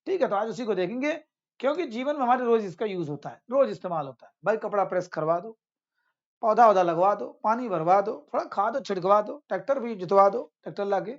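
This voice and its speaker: A man's voice: high-pitched, animated, brisk, lo-fi sound. A man teaching an English grammar lesson in Hindi, stressing his points and drilling examples with rhetorical questions.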